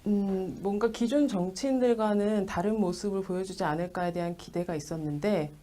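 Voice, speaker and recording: Young woman, spokesperson, composed, formal phrasing, mid pitch. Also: fairly quick, mellow. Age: young adult. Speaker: party spokesperson. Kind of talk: political talk show.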